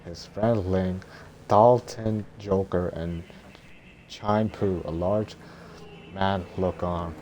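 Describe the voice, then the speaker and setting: A man reading scripted stage directions as narration in a monotone, stumbling way. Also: sits low, extremely slow, pauses often. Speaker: script reader. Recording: noticeable background noise.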